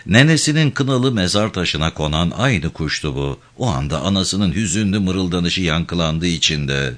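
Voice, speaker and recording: A man reading a novel aloud as narrator, in an expressive, measured storytelling voice. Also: low voice. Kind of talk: scripted audiobook narration.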